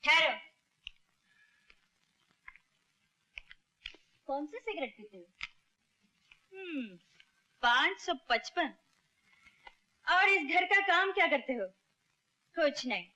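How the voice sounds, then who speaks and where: एक अभिनेत्री पुरानी हिंदी फ़िल्म में एक निडर, बेबाक युवा बंजारन लड़की का किरदार निभा रही है।. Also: female voice, sits high, big pitch swings, measured pace, long pauses, pushed and bright, full character voice. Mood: commanding. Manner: commanding and forthright. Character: bold young street-dancer woman, fiery and tender. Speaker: lead actress. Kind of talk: 1970s Hindi film dialogue. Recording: old film soundtrack with music behind.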